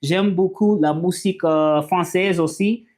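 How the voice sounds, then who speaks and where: Reading viewer comments on his casual livestream, the male host talks in a halting way, full of fillers and restarts. English is his first language, and his voice sits high with a darkish tone.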